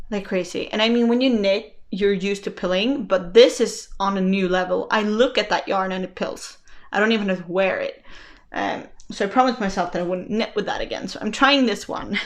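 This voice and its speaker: A woman, chatting casually about her knitting projects, laughing often and poking fun at her own mistakes. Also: mid-range voice. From Sweden. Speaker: knitting vlogger. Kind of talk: casual chat.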